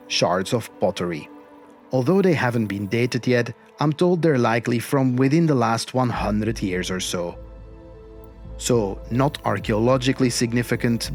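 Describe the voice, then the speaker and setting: A man narrating an expedition documentary in a measured, reflective and earnest way, as its host. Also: mid-range voice. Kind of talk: scripted documentary-style narration. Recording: music behind the voice. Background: music.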